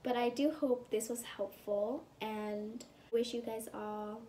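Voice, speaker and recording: Slowly and in a mellow, fairly high voice with a steady tone, a young California vlogger chats about recovering after surgery. She rambles with plenty of fillers, sounds congested at times, and sometimes whispers. A little hiss or hum can be heard.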